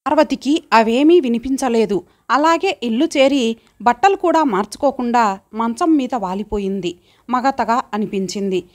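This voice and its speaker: A woman reading an audio story as a storyteller, calm and measured. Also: fairly high pitch. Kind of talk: scripted narration.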